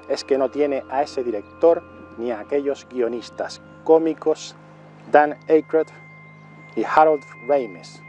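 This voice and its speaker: A middle-aged man giving a film review as a monologue, speaking deliberately and repeating titles and years for emphasis. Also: mid-range voice, mellow.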